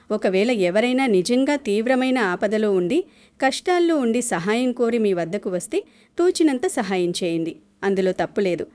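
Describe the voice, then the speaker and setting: A woman narrating scripted astrology advice in an earnest, steady, advising manner. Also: mid-range voice.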